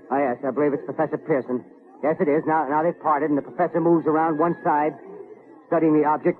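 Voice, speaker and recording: An actor playing a radio field reporter describing an alien attack live, heard as an old 1930s radio broadcast. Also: male voice, fairly high pitch. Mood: tense. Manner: live eyewitness narration growing frantic. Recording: thin tinny old radio with loud hiss.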